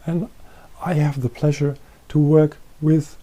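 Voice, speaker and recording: A middle-aged man giving a recorded presentation as head of a research chair, explaining calmly and repeating himself. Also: a little high, unhurried. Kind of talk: presentation lecture. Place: green-screen studio.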